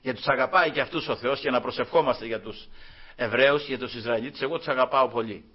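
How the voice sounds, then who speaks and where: A man's voice: medium pitch, breathy edge. A man preaching a sermon to his congregation, acting out quoted figures in a raised voice. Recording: dull lo-fi recording.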